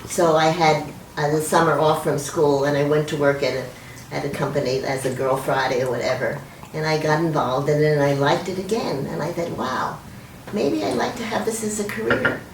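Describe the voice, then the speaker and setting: A woman's voice: deep voice, moderate pace, a little hiss or hum. An older woman in a chatty way recounting her working life, correcting herself as she goes. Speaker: interviewee. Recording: echoey room, far from mic.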